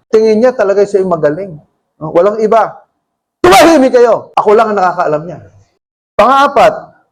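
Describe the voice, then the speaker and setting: A man's voice: high voice, low-quality recording. A male pastor with a Filipino accent preaching a sermon, switching between Tagalog and English and putting questions to the congregation.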